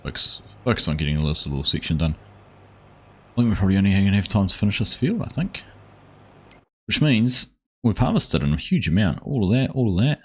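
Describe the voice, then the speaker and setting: During a casual gameplay livestream of a farming game, a New Zealander talks with his viewers, loose and rambling. He speaks briskly in a husky voice on the low side.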